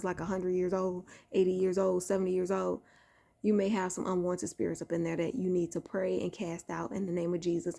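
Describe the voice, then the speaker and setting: A woman's voice: mid-range voice, creaky, dark tone. Fervent Chicago woman preaching to camera. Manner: fervent, repetitive, exhorting. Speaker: faith vlogger.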